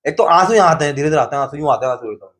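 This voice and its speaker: Fast-talking man telling stories. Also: on the high side. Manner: animated, laughs often while telling stories. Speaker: podcast guest. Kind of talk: storytelling in casual conversation.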